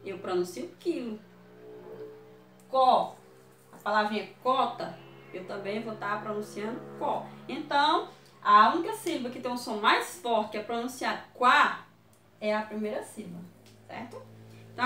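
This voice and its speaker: A Brazilian woman teaching young children in a video lesson, sounding out syllables slowly. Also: a little high, lively intonation, pushed and bright, roomy sound, faint music behind. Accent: Brazilian Portuguese. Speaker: primary school teacher.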